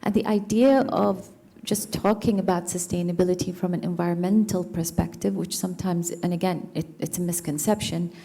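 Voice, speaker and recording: Low, gravelly woman from Iraq. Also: steady tone, brisk, mellow. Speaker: panelist. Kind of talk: panel discussion.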